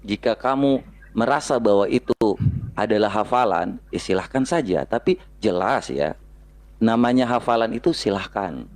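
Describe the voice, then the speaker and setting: A man in an online debate, reasoning in a measured, calm way. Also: fairly low pitch, dry recording.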